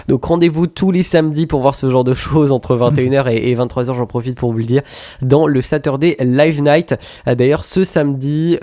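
A man's voice: mid-range voice, warm tone, no room sound, studio quality. A man hosting a radio show in casual on-air chat, talking in a hesitant way with many fillers and restarts. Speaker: radio host. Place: radio studio.

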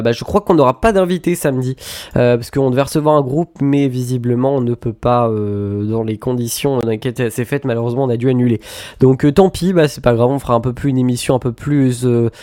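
A man's voice: mid-range voice, fairly quick, mellow, no echo, clean studio sound. A man hosting a radio show in casual on-air chat, talking in a hesitant way with many fillers and restarts. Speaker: radio host. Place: radio studio.

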